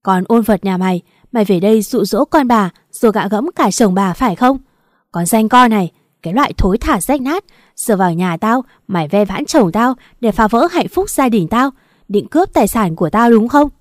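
A woman voicing a cruel older mother-in-law who hurls abuse in a loud, raised voice. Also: medium pitch, lively intonation, moderate pace, no room sound, studio quality, close to an everyday voice. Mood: venomous, screaming. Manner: abusive, shouting insults.

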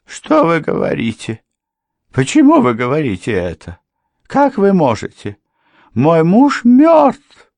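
A man reading an audiobook and voicing a frightened middle-aged woman housekeeper with a high, shrill, tearful voice. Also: sing-song, unhurried, vocal fry, no echo, full character voice. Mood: tearful pleading.

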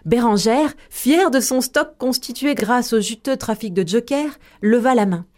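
A woman storyteller narrating a tale in a measured, expressive way. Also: fairly high pitch.

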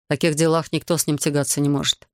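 A man voicing a calm, wry official. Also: a little high, fast, dry recording, clean studio sound, natural voice. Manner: even, quietly ironic. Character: calm, wry male official, sober and composed.

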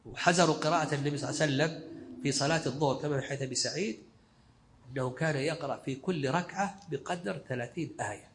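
A man's voice: fairly high pitch, racing, slight background noise. A male sheikh giving a scholarly lesson commentary, explaining in short, repeated phrases. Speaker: sheikh teaching a fiqh text.

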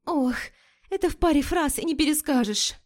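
A woman's voice: high-pitched, expressive, a little mellow, voice pushed up. A woman voicing a brash, flighty young woman friend who talks in slang and takes offense easily. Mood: chatty, cheeky. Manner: chatty and slangy, quick to take offense.

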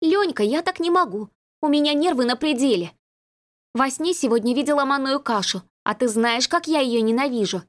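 Woman doing a snappy nervous young woman, pitched up high, sarcastic and indignant. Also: expressive, normal speed. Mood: agitated. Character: irritable young woman, sharp-tongued and nervous.

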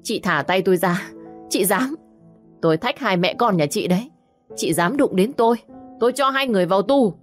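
A woman's voice: mid-range voice, expressive, normal speed, soft background music, voice pushed up, close to an everyday voice. A woman voicing a scheming pregnant mistress in a village who wails and taunts melodramatically. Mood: taunting.

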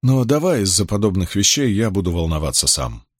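A man voicing a calm, self-assured stranger warrior with a dry, curt manner. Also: sits low, brisk, no echo. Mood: wry.

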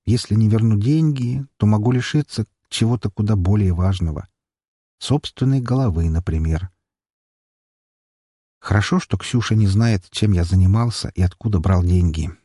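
A man's voice: fairly low pitch, moderate pace, mellow, no room sound, studio quality. A man reading a first-person audiobook in a wry, sardonic storytelling manner. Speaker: audiobook narrator.

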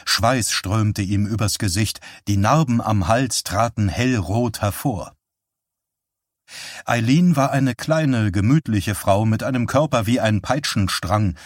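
A man narrating an audiobook in a calm, even reading voice. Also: mid-range voice, dry recording, studio quality. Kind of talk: scripted narration.

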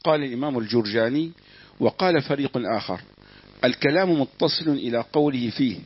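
A man reading a classical religious commentary aloud in measured, formal recitation. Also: animated, breathy edge. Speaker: student reading the text aloud. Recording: dull dry low-fi recording.

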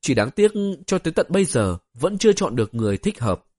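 A man narrating an audiobook story in a steady, even storytelling way. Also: medium pitch, fast talker, husky, dry recording.

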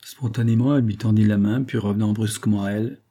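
Male audiobook narrator, classic literature; low, warm, husky tone. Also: steady tone, quick pace.

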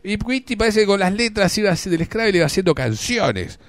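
A man with an Argentine accent hosts a radio show and tells comic made-up anniversaries of the day. His somewhat high voice rises and falls a great deal as he jumps into quick voices for the people in his stories. The studio mic is close and dry. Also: very animated, a bit bright, dry recording. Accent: Argentine Spanish. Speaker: radio host.

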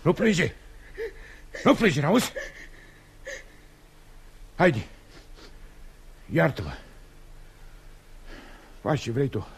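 An actor playing a hot-tempered but soft-hearted older father, blustering and theatrical in a stage comedy. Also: medium pitch, slight background noise. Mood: coaxing. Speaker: father of a marriageable daughter.

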